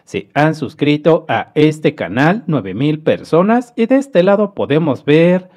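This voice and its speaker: A man's voice: a little high, big pitch swings, measured pace, darkish tone. A man from Mexico with a Mexican Spanish accent, hosting a screen-recorded commentary and explaining figures to viewers in a friendly way. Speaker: host.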